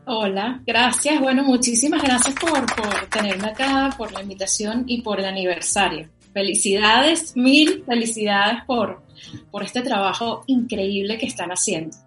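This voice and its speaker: A young Venezuelan woman with a Venezuelan accent is an enthusiastic guest on a casual podcast interview, talking animatedly and using plenty of fillers. Her voice is a little high and slightly slow, with music in the background.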